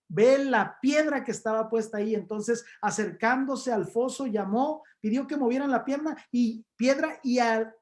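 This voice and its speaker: An evangelistic preacher tells the story with dramatic swings, booming on one phrase and nearly whispering the next. Key words come slow and drawn out. Listeners are called brothers throughout. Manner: dramatic storytelling, swinging from loud emphasis to hushed tones; addresses listeners warmly as brothers. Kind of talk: evangelistic sermon.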